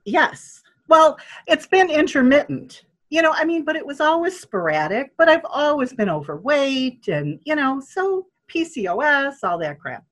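An older woman telling a personal story in a casual, animated way, acting out quoted voices and laughing often. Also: high voice, moderate pace, hardly any pauses. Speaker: guest telling her birth story.

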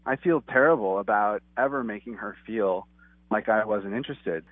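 A lower-voiced man comes through a thin, clipped phone line with a dry sound. He talks earnestly and rambles, stopping and restarting his thoughts as a guest on a call-in interview. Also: normal speed, slightly rough, no room sound. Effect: clipped phone line that cuts out. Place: outside his office.

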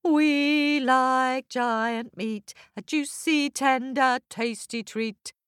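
Starving crowd done by a woman, sing-song chanting, high, lively melody, dry close sound. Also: unhurried, no echo. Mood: gleeful. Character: weak starving crowd of swallowed people.

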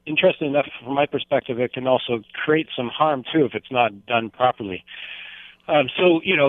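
A man, hoarse from a cold, explaining things at length as a therapist guest on a radio show. He comes through a tinny, narrow phone line that sounds close and dry. His pitch sits in an ordinary middle range. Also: no room sound. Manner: explanatory, long winding sentences. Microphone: telephone.

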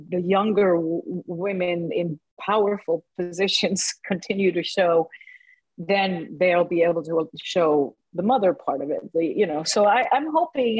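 A woman in her sixties, an actress telling stories in a casual interview, animated and quick to laugh, with many fillers. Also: on the low side, husky, dry recording, lo-fi sound. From born in Cuba, raised in New Jersey. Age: 60s.

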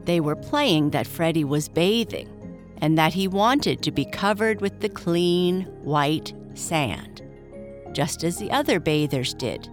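A woman plays a big, kindly, cheery father from a children's bedtime story. The voice is low for a woman and takes its time, telling the tale gently over faint music. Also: animated, slow. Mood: warm reminiscing.

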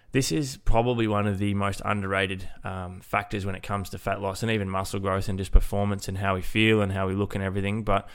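A man's voice: lowish voice, fairly bright tone, clear, resonant tone. A man with a nasal, congested-sounding voice, hosting a casual solo fitness podcast in an informal way. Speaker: podcast host, fitness coach.

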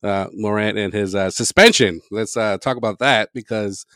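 A male sports podcast host talks casually and informally. His delivery is halting and often trails off, and the sound is dry, with very little room in it. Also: lowish voice, a bit bright, no echo.

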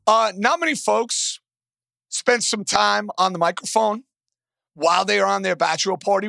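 A man hosting a sports betting show in a worn-out, hoarse smoker's rasp, emphatic and repeating phrases for punch. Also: sits high, pushed and bright, no echo, clean studio sound. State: voice strained and worn out. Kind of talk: animated sports betting commentary. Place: casino in Las Vegas.

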